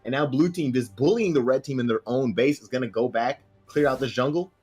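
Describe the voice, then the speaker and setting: A young man casting a video game match live, joking casually and getting faster and louder during fights. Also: mid-range voice, breathy edge, faint music behind. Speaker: esports caster.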